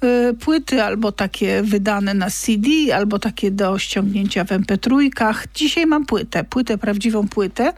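A woman's voice: mid-range voice, moderate pace, few pauses, dry recording. A woman host presenting a recording on air, chatty with small hesitations.

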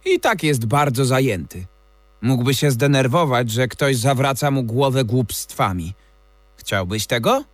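A man's voice: mid-range voice, unhurried, no echo, lightly acted. A man reading an audiobook and voicing a bold, defiant young princess with a firm, decisive tone. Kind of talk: audiobook character voice.

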